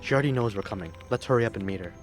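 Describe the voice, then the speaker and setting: A man playing a horror video game, reading the narration aloud in a low-key way with casual comments in between. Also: very fast, soft background music. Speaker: let's play gamer.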